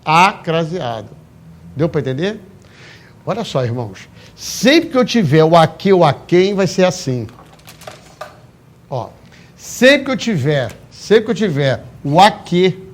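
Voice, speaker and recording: A man with a high voice leads a live grammar class in a classroom. He explains each rule step by step, stresses the key points and keeps checking that the class follows along. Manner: emphatic, explains step by step with frequent check-in questions. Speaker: Portuguese grammar teacher. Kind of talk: live exam-prep class lecture. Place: classroom, also streamed online.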